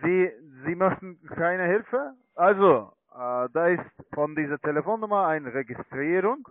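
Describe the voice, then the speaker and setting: Here a telemarketing caller who manages online trading accounts delivers a sales pitch, hesitant and broken because German is not his first language. His voice sits on the high side with lively intonation and a measured pace. The recording is dry, and the phone line is tinny and narrowband.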